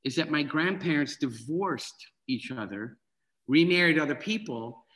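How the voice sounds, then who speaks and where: A man's voice: on the high side, a little slow, low-quality recording. A middle-aged man, a film director and guest, speaking casually over a video call and acting out dialogue as he tells stories. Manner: animated, acts out dialogue in anecdotes. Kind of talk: casual storytelling.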